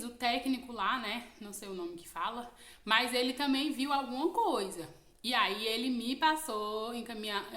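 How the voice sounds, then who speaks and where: A young Brazilian woman with a Brazilian Portuguese accent telling a personal testimony casually, animated and full of fillers. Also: on the high side, echoey room. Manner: animated retelling, quoting others, frequent fillers like "né". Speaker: YouTube channel host.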